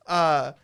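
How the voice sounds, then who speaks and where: Smooth-voiced man running a tabletop game. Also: a little high, fairly bright tone. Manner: loose, improvised description full of fillers. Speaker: game master. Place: college radio studio.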